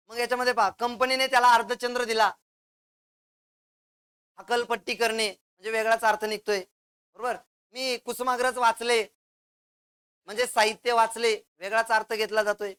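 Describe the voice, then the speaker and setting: Clear-voiced man quizzing a grammar class. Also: very high-pitched, fairly even intonation, fairly bright tone. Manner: quizzes the class with quick questions and answers them himself; explains step by step with examples. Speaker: teacher.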